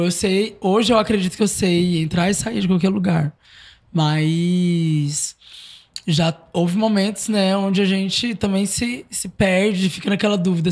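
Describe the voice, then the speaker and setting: A woman's voice: on the low side, a little mellow. A woman from Brazil, a podcast guest talking casually and reflectively, telling anecdotes. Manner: reflective, tells anecdotes with acted quotes.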